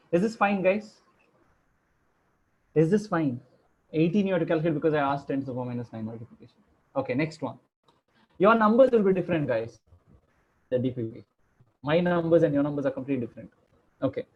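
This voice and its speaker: A man's voice: on the high side, muffled recording. A man teaching a class over a video call, chatty and joking as he quizzes his students. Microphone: computer microphone on a video call.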